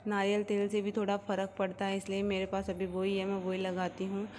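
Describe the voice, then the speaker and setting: Woman, home vlog narrator, steady monotone delivery, soft fillers, long room reverb. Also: medium pitch, brisk, a little hiss or hum. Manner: calm, explanatory, with soft hesitation fillers. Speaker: mother vlogging her baby's routine. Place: indoors at home.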